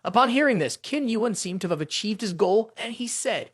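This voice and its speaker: A man narrating an anime story recap in a brisk storytelling manner. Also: sits high, expressive, breathy edge, no echo, studio quality.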